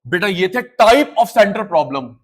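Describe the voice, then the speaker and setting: Man, middle-aged teacher, high pitch, energetic call-and-response lecturing in Hindi-English mix. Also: takes it slowly. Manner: energetic, drills students with call-and-response repetition; mixes Hindi and English terms. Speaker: economics teacher. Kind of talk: live class lecture.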